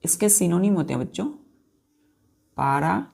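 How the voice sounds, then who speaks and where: A woman's voice: lowish voice, normal speed, creaky, a little mellow, slightly rough. A woman teaching English vocabulary to children, spelling each word letter by letter and repeating it, with quiz questions to the class. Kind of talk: slow repetitive classroom teaching.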